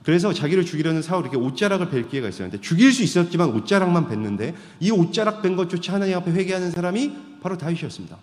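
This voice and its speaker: Male pastor, sermon delivery, animated pitch and quick tempo, peppers the congregation with questions, booming church reverb. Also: soft background music. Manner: rhetorical questions to the congregation, swings between loud and quiet. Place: church sanctuary. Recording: long hall reverb.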